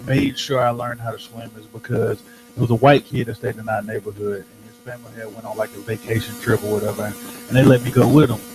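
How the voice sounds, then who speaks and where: A man co-hosting a radio show, telling stories and news in a relaxed, slangy way. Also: mid-range voice, quick pace, rough recording. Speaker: radio co-host. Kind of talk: casual radio banter.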